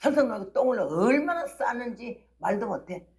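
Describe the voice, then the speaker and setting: A woman missionary telling her own story at a dawn church service. She tells it vividly, acts out the people in it, and breaks into shouts and laughter. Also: fairly high pitch, normal speed. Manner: lively storytelling, acting out the people she quotes. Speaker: missionary preacher. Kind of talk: dawn-service testimony sermon.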